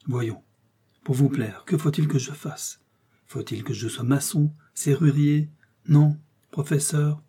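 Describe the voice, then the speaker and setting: Man doing a passionate young aristocrat, mellow husky voice, pleading storybook read. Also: fairly high pitch, fairly even intonation, slow pace, pitched above the performer's own voice. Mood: bitter. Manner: ardent, bitter pleading. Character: wealthy young Russian nobleman, ardent and wounded. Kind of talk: audiobook character reading.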